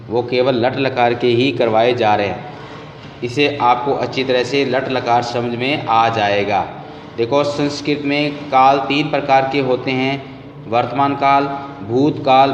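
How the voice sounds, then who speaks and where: A man teaching a class, patiently repeating word forms slowly for his students. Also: medium pitch, slight background noise. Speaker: Sanskrit teacher. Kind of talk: classroom lesson. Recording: roomy, distant, dull lo-fi sound.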